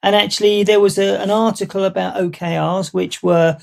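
Gravelly man hosting a podcast. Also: high voice, little pitch movement, brisk. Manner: meandering, with frequent restarts. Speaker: podcast host. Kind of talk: podcast interview.

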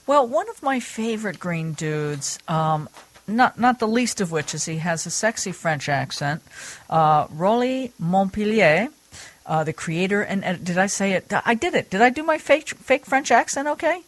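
A woman's voice: moderate pace, no room sound. A woman hosting a radio show, chatting casually with guests and laughing easily. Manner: chatty, laughs easily, lively pitch swings. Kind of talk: casual radio interview chat.

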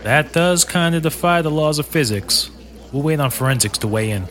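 A man's voice: on the high side, animated, moderate pace, fairly bright tone. A man voicing a blunt, sardonic police detective in an audio drama, questioning witnesses in a dry way. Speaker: detective character.

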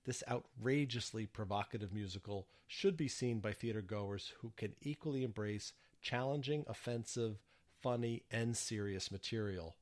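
Low-voiced man reading theater reviews. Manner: measured, reads a prepared script. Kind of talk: scripted review narration.

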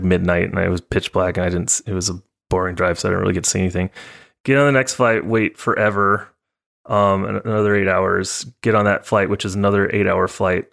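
A man's voice: deep voice, creaky, a bit bright. A man co-hosting a podcast, chatting casually and telling a travel story, acting out the other people in it. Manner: storytelling, acts out voices of others. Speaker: podcast co-host. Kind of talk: casual chat.

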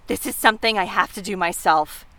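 An actress playing a brash, food-obsessed cartoon superheroine in a hammy, bombastic, foul-mouthed way. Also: female voice, medium pitch, brisk, a bit bright, lightly acted. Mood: solemn. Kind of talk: animated comedy voice acting. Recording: music behind the voice.

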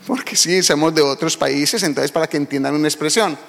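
A man preaches a sermon in a high voice. He is emphatic and keeps calling out to his congregation. His voice carries a long, ringing reverb from a church hall. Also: fairly quick, creaky, fairly bright tone. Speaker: pastor.

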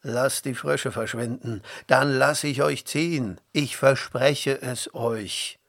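A man's voice: mid-range voice, steady tone, takes it slowly, gravelly, fairly bright tone, no room sound, studio quality, exaggerated voice. A man reading the part of a proud, angry king in a storybook, haughty and commanding.

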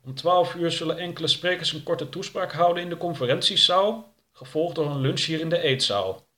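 A man's voice: fairly high pitch, normal speed, sharp tone, reverberant, voice pushed up. A man voicing a polite, formal male event organizer. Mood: courteous. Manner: courteous, formal.

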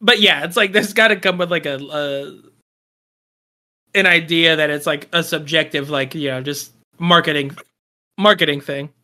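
A man's voice: a little high, moderate pace, sharp tone. A young man co-hosting a beer podcast, laid-back and agreeable in casual chat. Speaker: podcast co-host.

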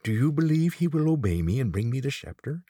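A man's voice: medium pitch, sing-song, brisk, warm tone, slightly rough, dry recording, studio quality, pitched above the performer's own voice. A man doing a quavering, menacing old man. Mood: threatening. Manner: snapping, threatening.

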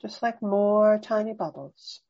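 Soft-spoken woman guiding a breathing meditation. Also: medium pitch, dull audio. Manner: slow, soft, soothing and unhurried. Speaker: meditation guide.

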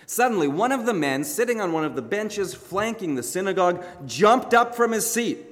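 A male pastor preaches a narrative sermon, building drama with deliberate pauses. His voice sits a little high. A long reverb trails each phrase through the large church room. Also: animated. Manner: dramatic retelling with emphatic pauses. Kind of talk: sermon storytelling.

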